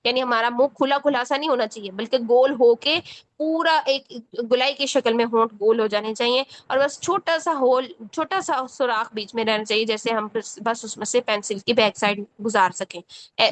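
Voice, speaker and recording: A woman with a Pakistani Urdu accent who teaches Quran recitation, explaining patiently and repeating each syllable slowly. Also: fairly high pitch, a bit bright. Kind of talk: spoken tutorial lesson.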